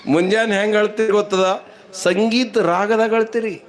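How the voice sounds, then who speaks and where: A man's voice: high-pitched, fairly even intonation, moderate pace. A man with a North Karnataka Kannada accent doing rhyming folk stand-up comedy, telling stories and teasing his audience at a religious gathering. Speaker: comedian and mimicry artist.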